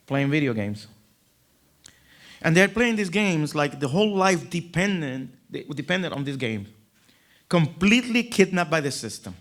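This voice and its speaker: A man speaking as a rabbi gives an inspirational religious talk in a voice on the high side and a bit bright. He's a dramatic, emphatic storyteller who acts out the dialogue in his stories.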